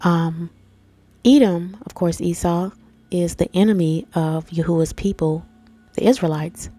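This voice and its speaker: Reading scripture and unpacking it conversationally, a Bible teacher addresses her viewers as family and guys, her nose stuffed up by allergies. She speaks at a measured pace in a mellow voice on the low side.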